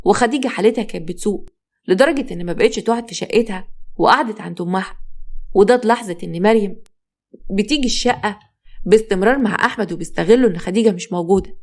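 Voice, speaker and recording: Egyptian lady telling a drama story, fast and steady, mid voice. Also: mid-range voice. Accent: Egyptian Arabic.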